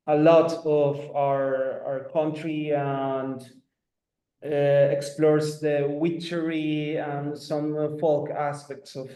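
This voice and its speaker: Man panel guest, slow and halting, dark mellow voice, roomy echo. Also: fairly high pitch. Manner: halting, repeats words. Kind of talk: Q&A panel answer.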